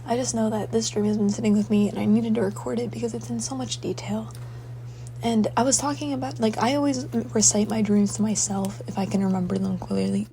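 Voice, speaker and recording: Creaky, low-key woman recalling a dream. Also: little pitch movement, brisk, warm tone, slight background noise, poor audio. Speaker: dream diarist. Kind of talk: casual personal dream recounting.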